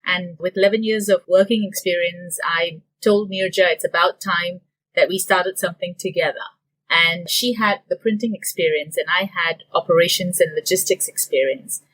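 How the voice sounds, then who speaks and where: A woman's voice: on the low side, normal speed, low-quality recording. Businesswoman from Singapore explaining steadily. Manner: detailed, steady explaining with fillers. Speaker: business owner guest. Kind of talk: interview answers.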